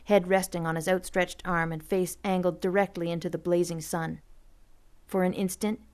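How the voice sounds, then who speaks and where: A woman narrating a first-person story as an audiobook, steady and vivid. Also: on the low side.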